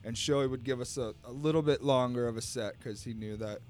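A man co-hosting a podcast in casual chat, easygoing and quick to agree with the others. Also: medium pitch. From Arizona, USA. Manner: affirming, easygoing, says "absolutely" a lot. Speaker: podcast co-host.

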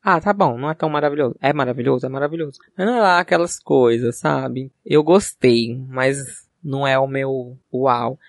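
A man with a Brazilian Portuguese accent, co-hosting a podcast in casual, expressive chat. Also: moderate pace, creaky, hardly any pauses, dry recording, studio quality. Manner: expressive, jumps in pitch. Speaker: podcast co-host.

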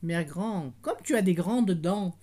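Storybook little girl, innocent and polite, read by a woman with a low voice. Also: expressive, takes it slowly, warm tone.

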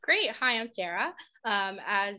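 A woman's voice: medium pitch, very animated, a little slow. A young woman from Newfoundland, a podcast guest speaking earnestly with many fillers. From Newfoundland, Canada. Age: young adult. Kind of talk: casual podcast chat. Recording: slightly dull audio with faint noise.

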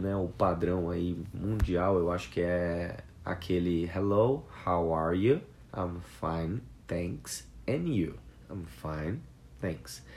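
A man giving a relaxed, chatty video lesson as an English teacher, speaking English examples slowly and louder. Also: sits low, creaky, a little hiss or hum. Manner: relaxed, chatty, often adds "tá?".

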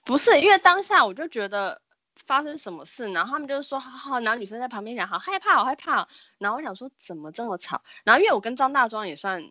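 A woman co-hosting a podcast, telling a story in casual chat and acting out the people in it with sudden loud cries. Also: a little high, quick pace, no echo. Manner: animated storyteller, acts out the people she quotes with sudden shrieks.

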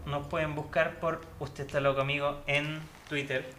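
A man's voice: on the high side, little pitch movement, normal speed, a loud crowd. A young man with a Chilean accent hosting a casual cocktail show, explaining the recipe with crude jokes. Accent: Chilean Spanish. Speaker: host mixing cocktails.

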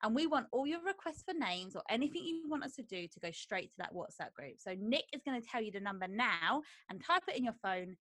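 A woman's voice: a little high, lively intonation, brisk, few pauses, fairly bright tone, dry recording. A woman from south London with a south London accent, chatting casually and self-deprecatingly as a podcast co-host. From Croydon, south London.

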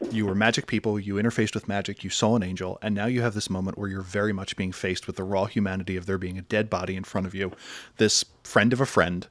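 A man guides a tabletop game, describing scenes in an unhurried, searching way. His voice sits low, recorded close and dry. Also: fairly even intonation, a bit bright, no echo. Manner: descriptive, thoughtful, with frequent fillers. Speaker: game master.

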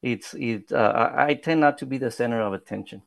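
A soft-spoken candidate for office from South Texas, in his thirties and a native Spanish speaker with a Spanish accent, answers podcast questions fairly quickly in a mid-range voice with vocal fry. He's modest and hesitant, full of fillers and restarts, in a dry, clean studio recording.

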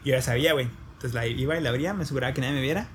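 A man's voice: mid-range voice, rapid-fire, a little hiss or hum. A young man with a Mexican accent telling a funny story in slangy, casual chat. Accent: Mexican Spanish. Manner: slangy storytelling, laughing asides.

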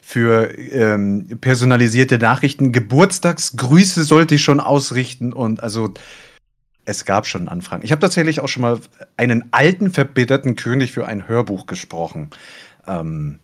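A man who commentates esports, chatting casually and letting his voice deliberately rise and fall as he talks. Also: animated. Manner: deliberately rises and falls in pitch while telling. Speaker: esports caster. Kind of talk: casual podcast chat.

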